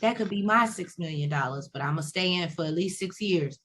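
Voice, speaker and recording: A woman's voice: fairly low pitch, animated, brisk, fairly bright tone. A woman co-hosting a casual recap chat, adding wry quips. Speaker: podcast co-host.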